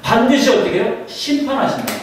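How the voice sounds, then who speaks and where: A man's voice: very high-pitched, wildly swooping pitch, a little fast, slight background noise. A man preaching a sermon as pastor, often putting questions to the congregation. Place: church sanctuary. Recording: echoey church hall from far off.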